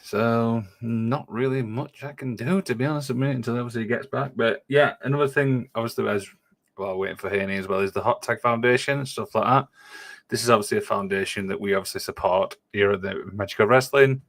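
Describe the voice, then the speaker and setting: A man with a medium-pitched, brisk, slightly bright voice hosts a casual wrestling podcast chat. He leans heavily on "obviously" and "and stuff like that."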